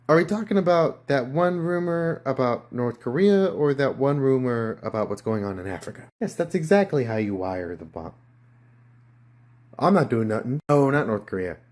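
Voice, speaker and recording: A man voicing a comedy cartoon with brash, sweary, quick-fire banter. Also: medium pitch. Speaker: animator voicing his own comedy cartoon.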